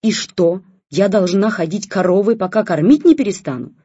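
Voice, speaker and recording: A reader voicing an irritable young mother, an actress upset about her looks, who snaps and shouts, in a dull lo-fi audiobook recording. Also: mid-range voice, expressive, moderate pace, slightly rough, dry recording, pitched above the performer's own voice. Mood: shouting. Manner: sharp and shouting.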